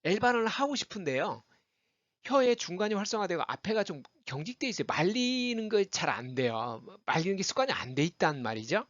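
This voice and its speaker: A middle-aged man leads a casual pronunciation lesson, drilling English words one by one in a fairly high voice. He switches to lively, animated explanation between drills. The recording is dry and a little muffled, close to the mic. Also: no room sound. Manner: repeats English words slowly as drills, then explains in lively conversational Korean. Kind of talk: casual spoken lesson with drilled word lists.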